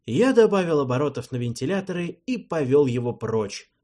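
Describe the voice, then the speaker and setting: A man's voice: a little high, sing-song, moderate pace, darkish tone. A man narrating a story in the first person, reading expressively. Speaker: audiobook narrator.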